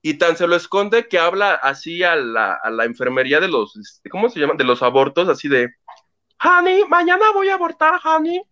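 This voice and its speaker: Animated high-voiced man. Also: fairly quick, hardly any pauses, dull audio. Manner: animated storytelling, acting out quotes. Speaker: host. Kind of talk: casual gossip chat.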